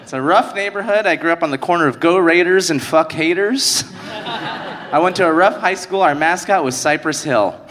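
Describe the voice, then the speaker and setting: A man's voice: a little high, lively intonation, moderate pace, a crowd in the background. A male comedian telling a joking personal story live on stage to an audience, with punchy delivery. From United States.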